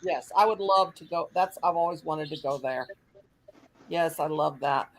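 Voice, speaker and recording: A woman's voice: sits low, normal speed, low-quality recording. A woman from Missouri, hosting a casual craft livestream in an effusive, folksy way. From Missouri, USA. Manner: effusive and folksy, says honey. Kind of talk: casual group chat.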